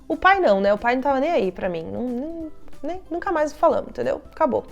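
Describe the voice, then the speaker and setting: A young woman with a fairly high voice talks in a chatty, casual way, like a therapist sharing advice with colleagues. She tells her stories with lively quoted lines. Soft music plays faintly under her voice. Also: fast, gravelly, muffled recording. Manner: chatty storytelling, acting out parents' quoted lines. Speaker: child psychologist.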